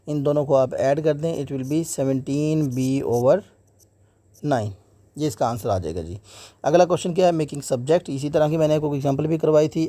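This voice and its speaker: A man's voice: a little high, warm tone, no echo. A man teaching an exam maths lesson step by step, mixing English terms into Hindi and often saying "theek hai ji". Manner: slows right down when dictating English steps.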